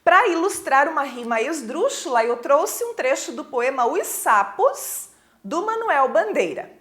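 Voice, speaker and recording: Very animated, with a high and fairly bright voice, this Brazilian teacher leads a recorded school lesson. She speaks with a Brazilian Portuguese accent, explains patiently, checks on her class, and slowly reads poems aloud.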